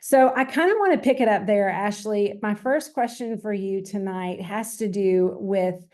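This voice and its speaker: A middle-aged woman hosts a group call in a conversational style. Her voice is mellow and relaxed in tone, at an average pitch. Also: normal speed. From small town in eastern Georgia, USA. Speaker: host, team leader.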